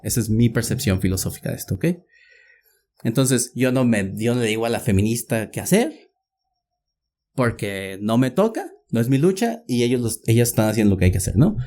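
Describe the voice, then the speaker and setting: A young man with a Mexican Spanish accent, co-hosting a casual podcast conversation, animated and slangy, laughing often. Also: mid-range voice, a little fast. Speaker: podcast host.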